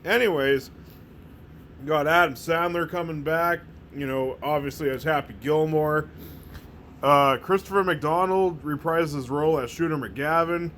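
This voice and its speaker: A man's voice: fairly high pitch, a little slow, a bit bright, slight background noise. A man giving a casual, sarcastic movie review, blunt and full of swearing. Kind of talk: casual profane review monologue.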